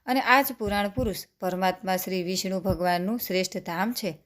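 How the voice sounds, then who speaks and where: A woman narrating a devotional scripture text in a steady recitation, slowing down for long lists of names. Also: medium pitch. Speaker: scripture reader.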